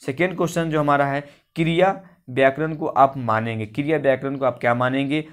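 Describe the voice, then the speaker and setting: In this coaching class recording, a male teacher leads an exam-prep grammar lesson, his mid-range voice brisk and steady. He breaks things down one step at a time and often raises questions only to answer them on his own.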